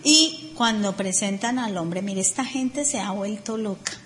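A woman's voice: medium pitch, measured pace. A woman from Colombia with a Colombian accent, telling a story casually with sarcasm and acting out the people in it. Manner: animated, sarcastic, acts out people.

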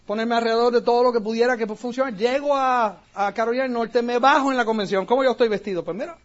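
A man from Puerto Rico with a Puerto Rican accent, giving an animated storytelling talk to an audience as a motivational speaker. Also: extremely high pitch, fast talker. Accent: Puerto Rican Spanish. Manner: animated, acts out quoted voices. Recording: dull lo-fi recording.

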